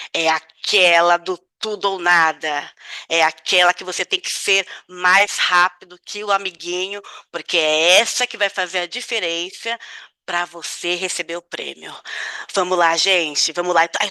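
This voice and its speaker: Bright, excitable Brazilian woman quiz host. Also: fairly low pitch, clean tone, dry recording, clean studio sound. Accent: Brazilian Portuguese. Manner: excitable and playfully dramatic, building suspense. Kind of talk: hosting a live online wine quiz. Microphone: video call.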